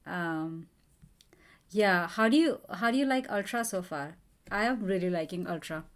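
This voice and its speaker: A woman's voice: lowish voice, expressive, normal speed. A woman live-streaming a coding session, thinking aloud and chatting with viewers as she works.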